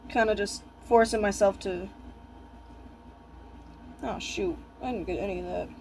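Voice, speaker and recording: A young man chatting casually while eating, talking with his mouth full in halting, musing short thoughts. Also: high voice, fairly even intonation, a little hiss or hum.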